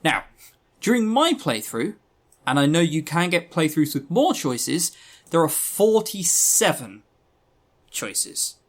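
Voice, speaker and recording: A man's slightly high voice moves slowly with big pitch swings as he hosts a podcast reviewing visual novels. The talk is casual and rambling, wry and self-deprecating, with plenty of swearing and stressed key words.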